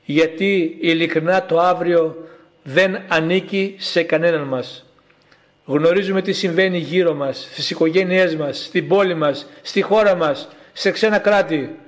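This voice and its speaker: A man preaching a sermon in a slow, emphatic way, repeating his calls. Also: a little high.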